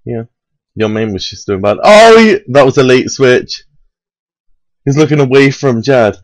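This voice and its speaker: A man's voice: medium pitch, expressive, a little slow, no echo. A young man chatting casually and teasing a friend as he watches a video game on a voice call. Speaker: spectator on a group voice call watching a friend play. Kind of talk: casual gaming commentary.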